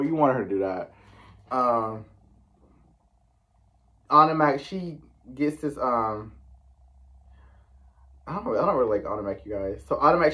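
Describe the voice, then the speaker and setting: A man's voice: medium pitch, highs cut off. A man from the US East Coast recapping a reality show in casual chat, chatty and sassy, full of "like" and slang asides.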